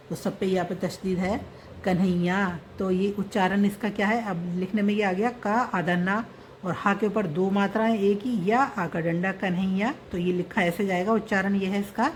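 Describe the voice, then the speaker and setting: A woman's voice: medium pitch, darkish tone, slight background noise. A woman teaching how to read and write a script, patiently repeating each word and spelling it out piece by piece. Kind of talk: slow explanatory script lesson.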